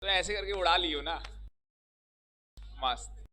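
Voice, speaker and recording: Male law teacher, very bright tone, slightly high, jokey with students, classroom mic. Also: slow pace, rough recording. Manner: joking, teasing students, quizzing them. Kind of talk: classroom lecture with banter.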